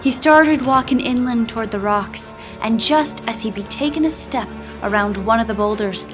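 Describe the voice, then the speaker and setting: Female narrator for a pirate tale; measured read-aloud delivery, middle pitch, music bed behind. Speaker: storyteller. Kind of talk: scripted story narration.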